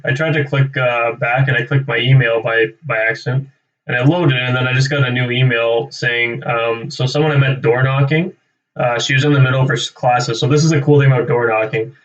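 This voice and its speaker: A young Canadian man talks briskly in a steady, mid-range voice with a fairly bright tone. Hosting a live cold-calling stream as a realtor, he rambles casually and spontaneously, thinking aloud and tagging on "right?". The sound is distant and a bit dull.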